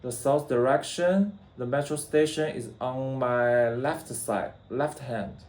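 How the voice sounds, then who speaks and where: A man practicing English, speaking haltingly with many fillers and restarts. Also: medium pitch, darkish tone, reverberant, a little hiss or hum. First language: Mandarin Chinese. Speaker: English learner. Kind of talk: practice conversation.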